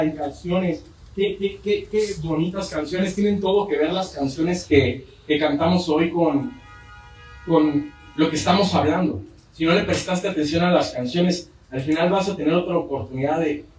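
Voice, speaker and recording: A man's voice: high-pitched, darkish tone, a little hiss or hum. A man with a Mexican accent preaching a sermon, telling a story with joking asides. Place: church. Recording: roomy church hall from far off.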